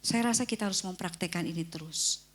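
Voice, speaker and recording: A woman preaching a sermon, lively, acting out quotes in a raised voice and dropping to near-whispers on key phrases. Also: brisk. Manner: lively, acts out voices of scripture figures with sudden high pitch.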